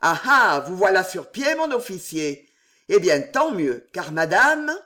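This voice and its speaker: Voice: mid-range voice, very animated, measured pace, bright, forceful tone. A reader voicing a talkative male footman from a grand household, with a familiar, breezy manner. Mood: jovial. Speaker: servant.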